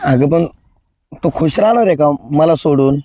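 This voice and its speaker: A man playing a soft-spoken nervous young boyfriend. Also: fairly high pitch, normal speed, no room sound, close to an everyday voice. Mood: pleading.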